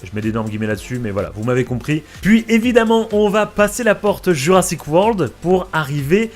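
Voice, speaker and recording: A man's voice: fairly high pitch, sing-song, fairly quick, faint music behind. Chatty man narrating a park vlog. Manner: chatty, many fillers and asides. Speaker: vlogger touring a theme park. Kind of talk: casual vlog voice-over.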